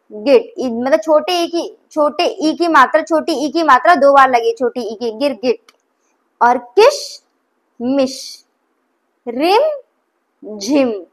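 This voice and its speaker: A woman's voice: high-pitched, fairly bright tone. A woman teaching young children a phonics lesson, patient, sounding out syllables and checking in often. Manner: patient, repeats and checks with "theek hai". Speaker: primary school teacher.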